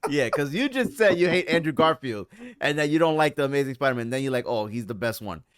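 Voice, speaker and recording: A man co-hosting a podcast over an online call, ranting in an animated, profane, heated debate. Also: a little high, quick pace, clear, resonant tone. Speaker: podcast co-host. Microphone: online call with lagging connection.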